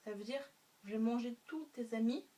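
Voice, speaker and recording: A woman's voice: on the high side, moderate pace, mellow, lightly acted. A woman voicing a menacing male Cyclops in a story she is retelling, with a slightly raised, plain voice. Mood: gloating. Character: one-eyed giant Cyclops, male, cunning and menacing. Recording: faint room noise, mic a bit distant.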